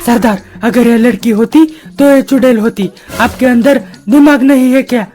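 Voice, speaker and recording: A meek cartoon bandit sidekick whines and tattles on his boss, voiced by a woman. The voice sits lower than her usual one. Soft music runs underneath. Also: moderate pace, lightly acted. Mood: whiny. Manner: whiny, tattling. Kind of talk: cartoon comedy voice acting.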